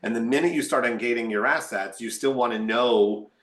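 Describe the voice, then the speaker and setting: A man's voice: medium pitch, a little fast, fairly bright tone, reverberant. A man, a marketing executive, answering on a webinar panel in a candid, wry way, thinking aloud.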